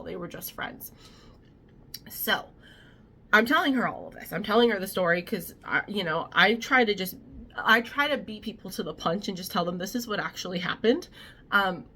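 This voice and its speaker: Bright-voiced young woman telling a story. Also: lowish voice. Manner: chatty, many fillers and restarts. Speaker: vlogger. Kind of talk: casual storytime.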